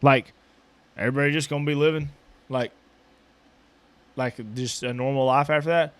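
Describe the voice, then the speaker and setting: A man's voice: medium pitch, steady tone, moderate pace, clear, resonant tone. A man hosting a casual podcast chat who talks hesitantly, stumbling and repeating his words as he questions his co-host, recorded in a small building.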